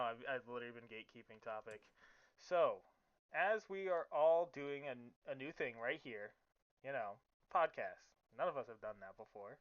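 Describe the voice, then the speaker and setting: A man's voice: medium pitch, fairly bright tone, smooth, muffled recording. A young man hosting a casual podcast, laid-back and hesitant, with plenty of fillers. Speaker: podcast host.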